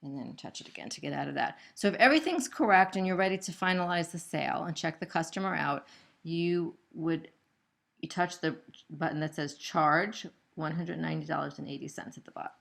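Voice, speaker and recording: A woman gives step-by-step instruction in the manner of a corporate training video. Her voice sits a little low and has a clear creak to it. She explains methodically and patiently, in her own unscripted words. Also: fairly quick, fairly bright tone. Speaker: trainer for gallery sales staff.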